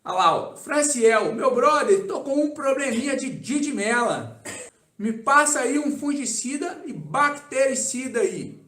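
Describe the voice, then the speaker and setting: A man with a very high voice and a Brazilian Portuguese accent talks casually through a live Q&A. He keeps checking in with his listeners, dropping "tá?" at the ends of his sentences. The sound is roomy and echoey. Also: measured pace. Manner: casual, relaxed, keeps adding "tá?" as a tag. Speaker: agronomy consultant answering viewer questions. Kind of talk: live-stream Q&A. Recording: echoey room.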